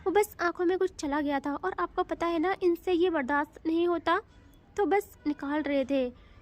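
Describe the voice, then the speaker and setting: A woman voicing a tender-hearted young wife who fires off pleading, rapid questions. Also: extremely high pitch. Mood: calm.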